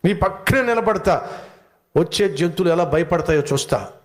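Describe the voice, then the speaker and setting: A man voicing a puzzled, grumbling male lion who was king of the forest, in a gruff manner. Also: a little high, lively intonation, normal speed, close to an everyday voice.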